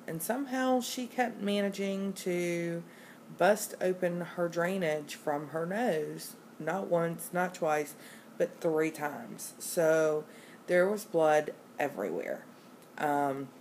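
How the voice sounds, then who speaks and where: A woman giving a casual, halting personal account, gassy while recovering a day after surgery. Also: sits low. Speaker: patient vlogger. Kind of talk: casual personal vlog, recounting an experience. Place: hotel room. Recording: noticeable background room noise.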